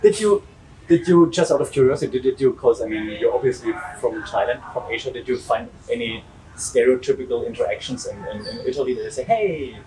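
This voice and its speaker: A man's voice: medium pitch, fairly quick, dark tone, far from the mic, a little hiss or hum, poor audio. A man with a German accent hosting a podcast, chatting in a rambling way with frequent restarts and laughs. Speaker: podcast host. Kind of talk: casual interview chat.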